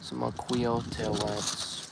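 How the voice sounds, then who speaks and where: A man's voice: mid-range voice, slow pace, gravelly. A young man live-streaming, thinking aloud while he builds in a game and asking his chat for opinions. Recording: steady noise behind the voice.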